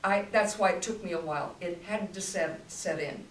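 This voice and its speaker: Recorded distantly in a roomy space with a faint hum, an older woman teaching voice gives masterclass talk on technique. She coaches by demonstration and speaks in bursts, her pitch fairly low and her speed normal.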